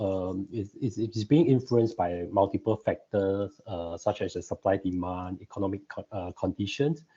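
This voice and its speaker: A man with a low, mellow, slightly husky voice talks through an online group call, and the sound comes through dull and lo-fi. He presents haltingly and fills his pauses with hesitation sounds. His computer mic gives the thin feel of a video call. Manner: halting, frequent filler sounds. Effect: online group call audio. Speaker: guest presenter.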